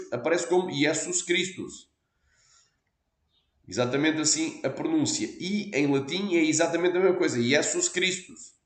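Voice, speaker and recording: A pastor with a European Portuguese accent patiently explains a point in a teaching sermon, asking his listeners to agree. His voice is a little high, and the sound is roomy.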